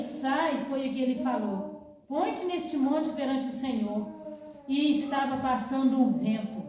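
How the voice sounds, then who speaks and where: A woman teaching a Bible lesson at a camp, telling the story dramatically and dropping to a hush for effect. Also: fairly high pitch. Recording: echoey room, voice from far off.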